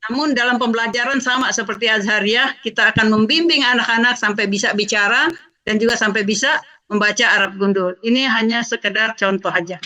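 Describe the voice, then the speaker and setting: A woman on a live radio program, talking quickly and haltingly as she sets up a video. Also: a little high, pushed and bright. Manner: quick, halting, with fillers and restarts.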